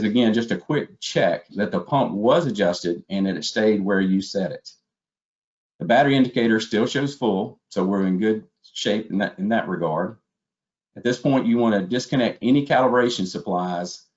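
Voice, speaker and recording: The speaker, a man acting as a webinar trainer, has a lowish voice, a moderate pace, and a darkish tone. He narrates instructional slides methodically and step by step, captured in dull, lo-fi webinar audio.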